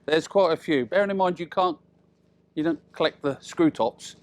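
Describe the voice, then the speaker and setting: A British man in middle age speaks in a notably high register. He is giving an informal father-of-the-bride speech, chatting and teasing, leaving pauses and tacking questions onto his remarks. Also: darkish tone. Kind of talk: informal humorous wedding speech.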